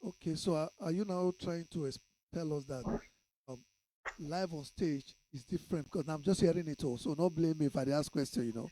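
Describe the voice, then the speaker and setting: A man's voice: a little high, fairly quick, mellow, slight background noise, low-quality recording. A man with a Nigerian accent hosting a radio interview, asking probing questions in a playful way with touches of pidgin. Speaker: radio host.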